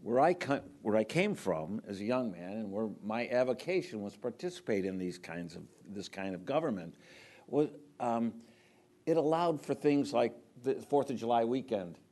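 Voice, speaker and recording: An older man speaking off the cuff at a city council meeting, halting with frequent ums and restarts. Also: medium pitch, animated, darkish tone. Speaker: public commenter. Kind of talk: unscripted public comment.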